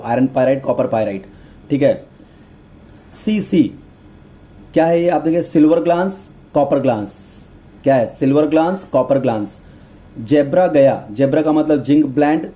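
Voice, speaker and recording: Dark-voiced man teaching chemistry mnemonics. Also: medium pitch. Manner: repeats terms and mnemonics, addresses students as beta. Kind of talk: exam-prep lecture in Hindi.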